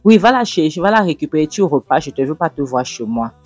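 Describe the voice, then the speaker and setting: A man's voice: a little high, sing-song, fast talker, husky, no room sound, faint music behind. A man voicing a bossy middle-aged mother who scolds and threatens her daughter. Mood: furious. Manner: scolding, threatening, loud outbursts.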